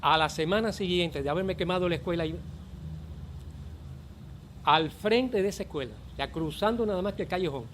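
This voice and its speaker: Older cuban guy telling his teaching days, earnest, slightly high voice, faint hiss behind. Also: normal speed, long pauses, fairly bright tone. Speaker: former volunteer teacher interviewed. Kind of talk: documentary testimony.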